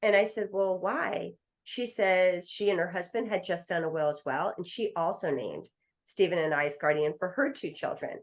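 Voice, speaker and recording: Her voice on the low side and her pace moderate, a middle-aged estate planning attorney shares a story as a guest on a podcast interview. Along the way she performs the voices of the story's characters.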